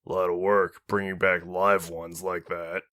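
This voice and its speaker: A man's voice: sits low, flat delivery, measured pace, sharp tone, dry recording, clean studio sound. A man voicing a surly mercenary pilot. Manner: grumbling, scornful.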